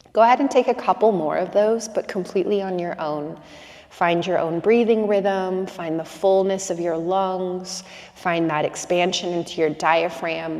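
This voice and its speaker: A calm woman breathwork instructor leads a guided breathing meditation in a slightly low, soothing voice. She gives slow, unhurried, calm instructions with long pauses, and the space sounds reverberant.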